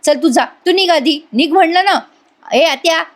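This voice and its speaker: Woman doing a bossy young man, scolding, commanding, higher voice. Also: brisk, natural voice. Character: stern young man scolding his brother.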